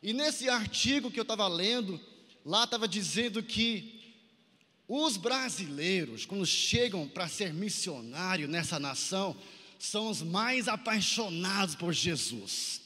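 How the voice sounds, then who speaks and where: A Brazilian man from Santarém, Pará, in northern Brazil, preaches a sermon at a youth conference in a large, echoey hall. His voice sits high and sounds expressive, pushed and bright, a little slow. He exhorts the crowd, asking them to repeat phrases and respond.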